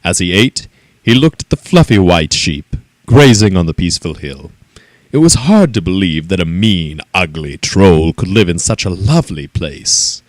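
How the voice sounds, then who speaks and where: A man reading a children's story aloud in an expressive, animated way. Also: sits low, normal speed, no echo.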